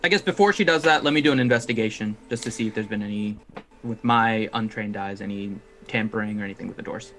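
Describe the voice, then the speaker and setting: Bright-voiced, chatty male stream host. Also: on the low side, a little hiss or hum. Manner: chatty, quick, laughing asides. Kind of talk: casual chat while playing a tabletop game.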